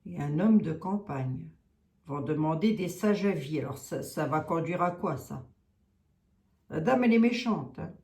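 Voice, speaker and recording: A woman's voice: low-pitched, animated, measured pace, dark tone. Woman with a Lorraine accent reading tarot. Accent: Lorraine French. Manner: thinks aloud, questions the cards, many hesitations. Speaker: tarot card reader. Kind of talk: casual tarot reading monologue. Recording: roomy echo.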